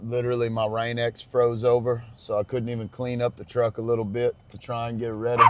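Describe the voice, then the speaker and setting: A man's voice: mid-range voice, monotone, fairly quick, fairly bright tone. Chatty man vlogging from his truck. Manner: chatty, addresses viewers as y'all. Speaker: travel vlogger driving. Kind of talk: casual road-trip vlog talk. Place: inside a moving truck.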